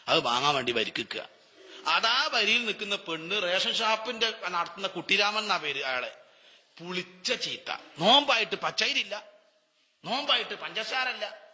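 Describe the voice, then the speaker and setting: Bright-voiced preacher in an echoing hall. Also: male voice, sits high. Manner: dramatic storytelling with rhetorical questions and answers. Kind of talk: Ramadan sermon. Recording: long hall reverb.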